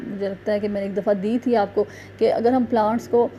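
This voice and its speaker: A woman teacher giving a revision lecture, speaking haltingly with many drawn-out fillers and self-corrections, patiently repeating points and explaining them with examples. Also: mid-range voice, fairly even intonation, lo-fi sound, noisy background.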